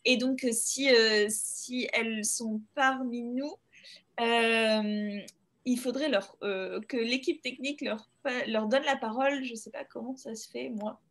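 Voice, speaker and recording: A woman's voice: on the high side, fairly even intonation, a little slow, a bit bright. A woman moderating an online panel discussion, speaking hesitantly with many fillers and restarts.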